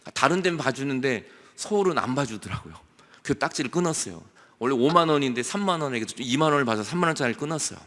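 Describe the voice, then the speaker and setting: A male pastor preaching a year-end sermon, telling anecdotes in an animated, conversational way. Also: medium pitch, fast. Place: church sanctuary. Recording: long hall reverb.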